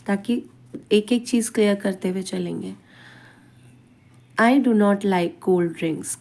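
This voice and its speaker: A woman talks through a grammar lesson at an unhurried, deliberate pace, stopping to ask her listeners questions and then answering them herself. Her pitch sits at an ordinary middle height, and she tacks a checking "right?" onto many of her points. She reads the English example sentences out slowly. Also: a little mellow. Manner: slow, explanatory, asks and answers own questions, frequent "right?".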